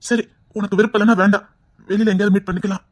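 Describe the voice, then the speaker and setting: A man with a Tirunelveli Tamil accent, playing a scheming young man who talks softly and wheedles. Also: high-pitched, little pitch movement, very fast. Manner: soft wheedling voice that turns mocking. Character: scheming young man, fake-tearful, later cold and harsh. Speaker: actor in a skit. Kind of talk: melodramatic skit acting.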